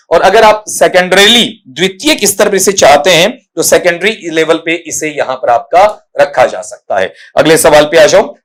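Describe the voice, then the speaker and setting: A man's voice: high-pitched, fairly bright tone. A middle-aged man teaching an exam-prep English lesson, drilling pronunciation by repeating words and fondly calling students "beta".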